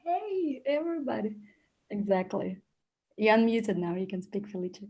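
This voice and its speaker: A woman hosting a video call, warmly thanking and encouraging each participant as she invites them to speak. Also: mid-range voice, sing-song, normal speed, slightly rough, muffled recording. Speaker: host.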